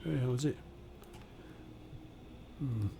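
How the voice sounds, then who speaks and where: Taking things slowly, a man with a medium-pitched voice and vocal fry talks over background noise. He's streaming a building game from home on a desk condenser mic, chatty and self-deprecating, muttering as he builds in casual tutorial fashion.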